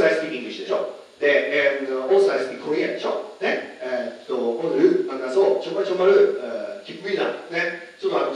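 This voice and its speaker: Animated man lecturing in an echoey room. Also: fairly high pitch. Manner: animated, asks the audience questions, many fillers. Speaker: English teacher giving a lecture. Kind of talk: lively lecture to an audience. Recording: echoey room, far from the mic, faint noise.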